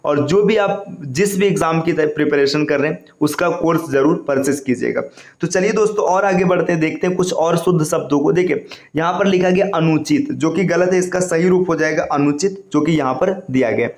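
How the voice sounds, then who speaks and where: A man teaches an exam-prep spelling lesson, working through one word after another with patient, repetitive explanations. He often tags on short check-in questions to his listeners. His voice sits a little high, and the recording has a noticeable room echo. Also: fairly quick, a little mellow. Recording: echoey room.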